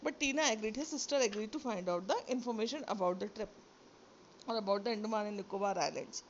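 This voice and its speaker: A woman teacher, a native Sindhi speaker with an Indian English accent, reads a textbook story aloud and then goes back over it line by line, switching into Hindi as she explains. Her voice is medium-pitched and quick. The phone or screen-recorder mic cuts off the highs and leaves a little hiss or hum.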